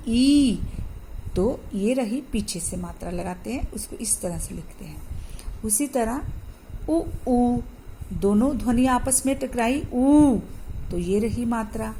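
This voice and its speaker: A woman teaches a grammar lesson at an unhurried, deliberate pace. She explains patiently and keeps turning to the class with questions. Her voice sits fairly high, with a light hiss of noise behind it. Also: animated, mellow, low-quality recording.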